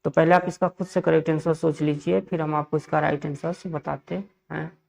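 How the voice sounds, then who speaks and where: Indian man, grammar teacher for exam prep. Slightly high, gravelly voice. Asks and answers his own questions. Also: little pitch movement, a little mellow. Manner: reads example sentences slowly.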